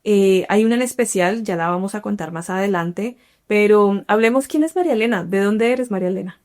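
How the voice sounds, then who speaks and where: A woman hosts an interview podcast, reading a scripted introduction and then asking encouraging questions. Her voice is medium-pitched with a darkish tone, and she speaks briskly.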